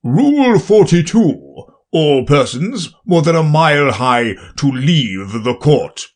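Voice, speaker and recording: A man voicing a fussy, blustering old king presiding over a courtroom, with loud, pompous pronouncements. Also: on the high side, very animated, slow, pitched above the performer's own voice.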